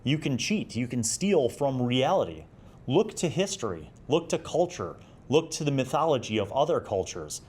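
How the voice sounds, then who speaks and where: Husky and darkish, his mid-range voice has a sing-song lilt at a normal pace. The fortysomething host of a tabletop RPG review show reads from magazine articles and offers commentary and advice, sounding conversational, explanatory, and encouraging.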